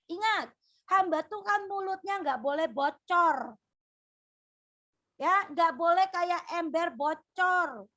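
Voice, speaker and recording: A woman's voice: very high voice, sharp tone. A middle-aged woman giving a firm, admonishing sermon-style lecture to ministry students, tagging her sentences with a frequent "ya". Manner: firm, admonishing, repeats "ya" often.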